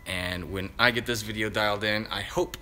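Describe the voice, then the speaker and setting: A man hosting a live stream, answering viewer questions in a low-key, easygoing way. He is tired and a bit out of breath. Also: steady tone, normal speed, bright, forceful tone, slight background noise. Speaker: car lighting shop host answering viewers. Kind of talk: live-stream Q&A while showing a build.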